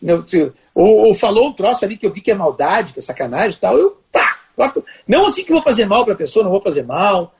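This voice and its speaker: A man's voice: high-pitched, big pitch swings, fast, vocal fry, few pauses, slightly rough. An older man, telling stories in an interview with many restarts and fillers. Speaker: guest. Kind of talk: conversational storytelling interview.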